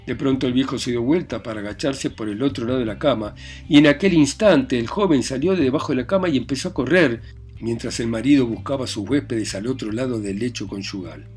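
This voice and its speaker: Male audiobook narrator, calm literary reading, light music bed. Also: medium pitch, brisk. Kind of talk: storybook narration.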